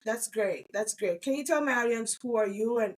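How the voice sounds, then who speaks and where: A woman hosting a podcast interview, who opens with a slow, earnest welcome and a spoken prayer, then asks quick, eager questions. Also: a little high. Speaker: podcast host.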